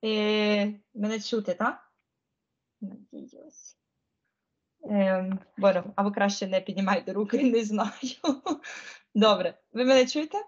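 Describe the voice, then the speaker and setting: A woman with a mid-range, steady voice speaks at normal speed, the audio missing its highs. She's a Spanish teacher giving a relaxed, talkative online class, checking often on her students and anxious about pressing the right buttons.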